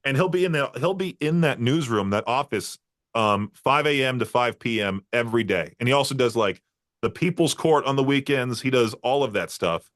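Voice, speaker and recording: A man with a mid-range, slightly bright voice and lively intonation talks at normal speed as host of a casual interview podcast. He's a rambling storyteller who laughs often and leans on fillers. Dry, studio-quality recording.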